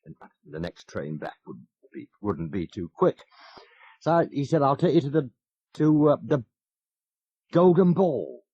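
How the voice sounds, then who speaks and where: This muffled old radio broadcast features a presenter in his fifties relating wry, self-deprecating anecdotes with chuckles throughout. His mid-range voice is dark, slightly rough, and animated, at a measured pace. The recording is dry.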